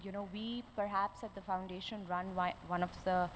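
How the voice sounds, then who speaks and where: A woman with an educated, upper-class Indian accent gives a conference keynote in a halting way, pausing often as she goes. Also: medium pitch, fairly even intonation. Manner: hesitant, halting delivery with frequent pauses. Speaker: keynote speaker. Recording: background noise, live event ambience.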